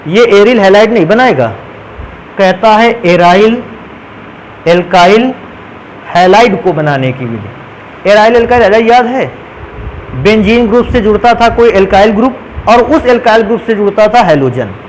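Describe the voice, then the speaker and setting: A man's voice: sits high, animated, normal speed, pauses often, slight background noise, poor audio. A male chemistry teacher lecturing a class, calling students "beta" and answering his own questions as he goes. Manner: calls students "beta", asks questions and answers them himself.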